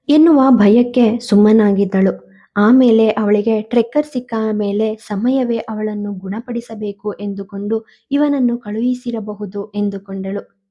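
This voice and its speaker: A woman narrating an emotional story in a measured, even reading style. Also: fairly high pitch, highs cut off.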